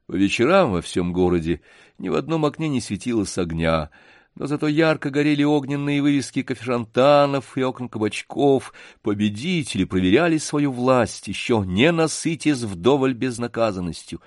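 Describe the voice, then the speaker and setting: A man narrating a story in a measured, expressive audiobook reading. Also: mid-range voice, dry recording, studio quality.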